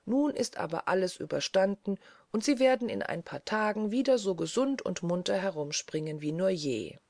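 A woman voicing a male dentist who speaks quietly and reassuringly. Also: mid-range voice, moderate pace, no echo. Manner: quiet, calming, gently lecturing.

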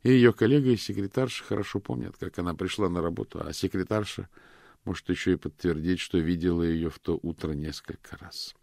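A man voicing a brisk, matter-of-fact female detective. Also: deep voice, vocal fry, darkish tone, no echo, studio quality. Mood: businesslike.

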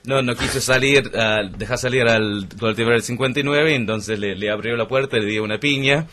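A man's voice: mid-range voice, a little fast, sharp tone, slight background noise. A man from England whose first language is English, a writer guesting on a radio show, telling stories in a joking way with frequent restarts. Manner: wry, joking storyteller with hesitant restarts. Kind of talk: casual radio interview chat. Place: radio studio.

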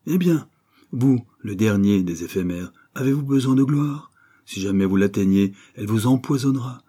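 A man voicing an ailing, cynical male poet who speaks with sardonic, emphatic outbursts in a husky voice. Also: lowish voice, lively intonation, normal speed, mellow. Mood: exhorting.

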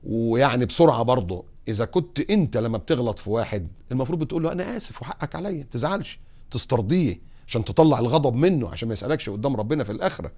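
A man with an Egyptian accent preaching on morals, putting lively rhetorical questions to his audience and telling humorous anecdotes. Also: mid-range voice, very fast. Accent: Egyptian Arabic. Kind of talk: religious talk on morals.

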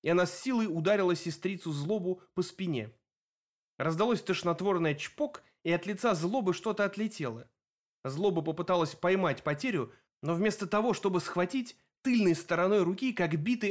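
A man reading a first-person audiobook narration in a lively, expressive way. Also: high-pitched, moderate pace.

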